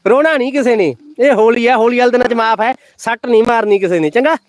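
High-voiced woman urging children on. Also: fast, a little hiss or hum. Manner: lively, teasing, calls out repeated commands to children. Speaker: live-stream host. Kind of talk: casual live-stream commentary. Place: outdoors at a village Holi celebration.

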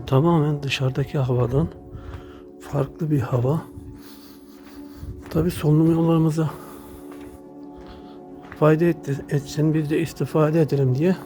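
A man's voice: fairly high pitch, a little mellow. A man from Turkey narrating a casual walking tour as a travel vlogger, addressing his viewers as friends. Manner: addresses viewers as friends while describing surroundings. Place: inside an underground salt cave. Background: music.

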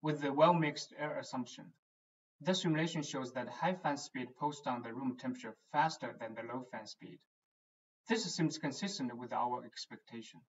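A man, a research engineer, giving a scripted, measured technical explanation as a voice-over for presentation slides. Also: mid-range voice, a little hiss or hum. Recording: distant, dull lo-fi voice-over.

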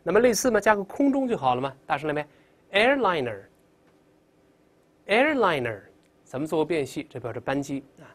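Lively, high-voiced male English teacher. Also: fast talker. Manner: calls out drill words, coaches pronunciation. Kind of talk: classroom vocabulary lesson.

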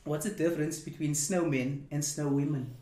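A man's voice: a little high, fairly even intonation, normal speed, warm tone. A young man telling dad jokes in a casual face-off, giving setups and punchlines, recorded outdoors from a camera a little way off. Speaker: dad joke contestant. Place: outdoors on a couch by a brick house wall. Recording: echoey sound.

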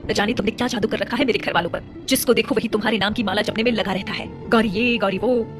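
A woman's voice: mid-range voice, fairly even intonation, fast, over music, close to an everyday voice. A woman voicing a resentful, jealous young woman of a royal family, bitter and defensive.

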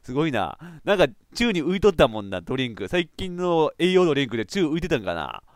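A man doing excitable let's play commentary, laughing often and yelping when he fails. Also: on the high side, quick pace, no room sound, studio quality. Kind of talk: game commentary.

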